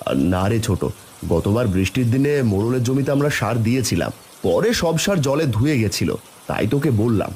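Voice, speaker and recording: A man's voice: medium pitch, very animated, fairly quick, a little mellow, slight background noise, close to an everyday voice. A man voicing a caring older brother, a farmer, in a cartoon, mildly warning. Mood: cautioning.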